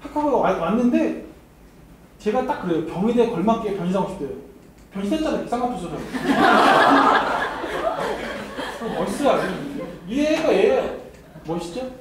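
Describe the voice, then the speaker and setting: A very high-pitched man runs a university admissions seminar, teasing the students and laughing often as he talks to them directly. He sounds distant from the microphone in a strongly echoing hall with a faint hiss underneath. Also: big pitch swings, quick pace. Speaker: academy admissions lecturer. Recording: very echoey hall, mic far off, faint noise.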